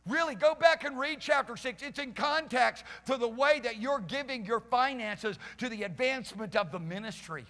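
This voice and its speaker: This fervent sermon comes from a pastor in his fifties, gesturing and pacing on a stage with band gear in front of a live congregation. Through his headset mic, his very high-pitched, sharp voice runs at a normal speed with few pauses, and the church hall gives it a long reverb.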